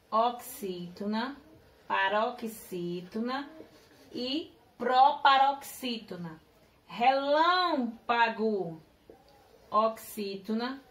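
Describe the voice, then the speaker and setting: A woman's voice: a little high, fairly bright tone. A woman teaching a children's class with a Brazilian Portuguese accent, asking the class questions and then answering them herself. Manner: says syllable drills slowly and deliberately. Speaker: primary school teacher.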